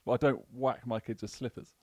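A man's voice: mid-range voice, level tone, a little fast, dry recording. A man in his thirties, a chatty father talking casually among friends.

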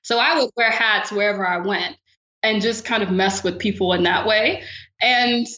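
A woman from the American South speaks as a guest on a podcast, calm and reflective. Her voice sits in the middle of the range. It carries a noticeable room echo and a dull, lo-fi tone. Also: medium pitch. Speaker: philosopher guest. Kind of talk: podcast interview. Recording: roomy, dull lo-fi sound.

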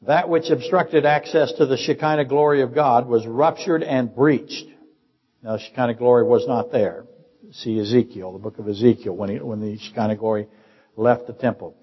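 A dull, echoey recording captures an older pastor's sermon in a church sanctuary, his voice mid-range and breathy at a moderate pace. He teaches the congregation through a rapid series of rhetorical questions.

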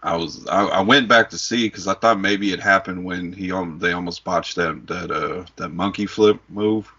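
A man's voice: low voice, moderate pace, sharp tone, breathy edge. A middle-aged man hosting a podcast, chatting casually about sports. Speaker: podcast host. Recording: dull lo-fi audio.

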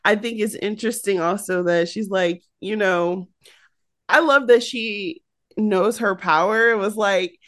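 A woman's voice: medium pitch, a little slow, a bit bright. An American woman co-hosting a casual chat podcast, talking chattily with many "um"s and "you know"s. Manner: chatty, uses many fillers. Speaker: podcast co-host.

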